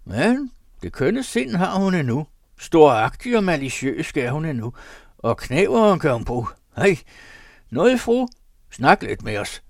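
A rough, drunken fisherman, as a male reader puts him on, jeering and shouting in a raised, strained voice. The sound is dry and close. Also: fairly high pitch, very animated, dry recording, pitched above the performer's own voice, heavily acted. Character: coarse drunken male fisherman, mocking and loud.

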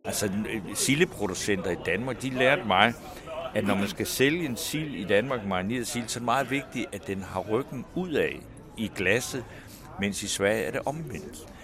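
A man's voice: on the low side, expressive, music in the background. A man chatting as an interview guest at an outdoor restaurant, opinionated and casual. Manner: chatty, opinionated, uses fillers. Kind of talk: casual chat.

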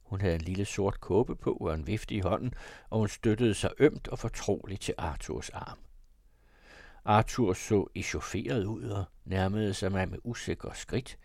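A man reading a classic novel aloud as audiobook narrator, in a measured, even storytelling manner. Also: lowish voice, vocal fry, dry recording, clean studio sound.

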